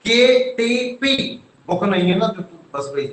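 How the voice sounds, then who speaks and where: A male teacher talks very slowly in a strikingly high voice. He spells each word out letter by letter, patiently, like he's dictating to a class. The sound echoes as if he's in a bare room. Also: lively intonation, fairly bright tone, a little hiss or hum. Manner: slow, spells words letter by letter, calls students "beta". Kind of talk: online class lesson.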